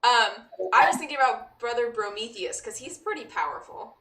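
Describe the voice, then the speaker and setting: A woman's voice: a little high, moderate pace, fairly bright tone, distant mic. A woman playing a tabletop game, talking eagerly about her character's plans. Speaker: player. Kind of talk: casual tabletop play.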